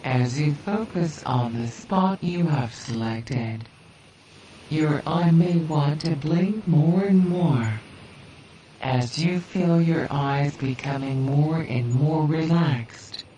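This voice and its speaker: A woman leading a guided relaxation hypnosis in a soothing, deliberate manner with long pauses. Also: deep voice, mellow. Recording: roomy, distant, hissy background noise.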